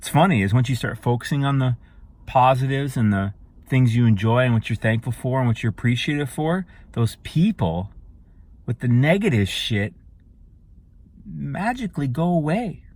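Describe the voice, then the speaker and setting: A man's voice: medium pitch, expressive, normal speed, darkish tone, no room sound. A man talking to camera in a casual, rambling monologue that grows emphatic and profane. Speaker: vlogger.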